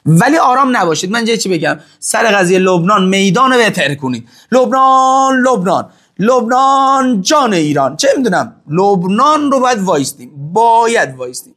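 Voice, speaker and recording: A man giving impassioned talk to an audience, answering their questions, repeating phrases for stress and swinging between loud emphasis and hushed asides. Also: sits high. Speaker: religious-political speaker answering audience questions.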